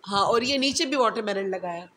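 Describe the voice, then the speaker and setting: A woman's voice: mid-range voice, brisk, fairly bright tone. A young mother at home scolding her small child, repeating stern questions while fighting back laughter.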